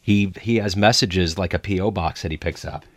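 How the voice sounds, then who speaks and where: Low-pitched male co-host, quick to laugh, eager restarts, dry studio. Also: no echo. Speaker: radio show co-host. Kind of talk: casual studio chat. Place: home studio.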